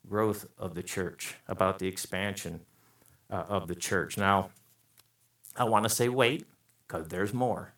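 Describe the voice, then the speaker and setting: A man preaching a sermon to a congregation, animated, calling out for amens. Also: medium pitch. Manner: animated, call-and-response with congregation. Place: church sanctuary. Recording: echoey room, mic at a distance.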